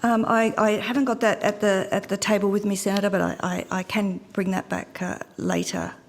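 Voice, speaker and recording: A woman official giving hesitant, halting answers to a senator. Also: medium pitch, little pitch movement, vocal fry. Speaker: department official.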